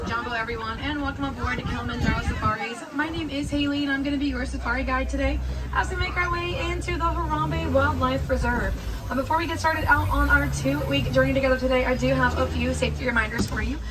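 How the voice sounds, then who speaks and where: A woman guides a safari tour in a high voice with upbeat, rehearsed patter. She sounds distant, as if over a vehicle speaker, with the truck rumbling around her. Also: fairly even intonation, fast talker, background noise. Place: open safari truck outdoors.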